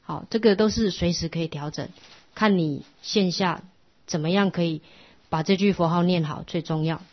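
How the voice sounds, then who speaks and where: A middle-aged woman, giving a patient, instructive Buddhist class lecture that often drops to a soft hush. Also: lowish voice, normal speed. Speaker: Buddhist teacher. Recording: lo-fi muffled recording.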